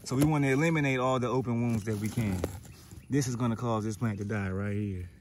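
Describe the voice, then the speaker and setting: A man records a casual walkthrough of his vegetable garden and talks in a relaxed, thinking-aloud way. He sounds a little out of breath, and his voice sits at a middle pitch. Faint outdoor ambience and animal sounds run quietly behind him. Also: fast, a little hiss or hum. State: slightly out of breath. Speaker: gardening vlogger.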